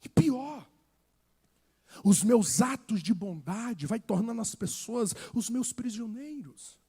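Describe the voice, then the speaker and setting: A Brazilian pastor preaching a sermon, repeating phrases and swinging from hushed lines to shouted ones. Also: male voice, high voice, expressive, slow pace, husky. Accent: Brazilian Portuguese.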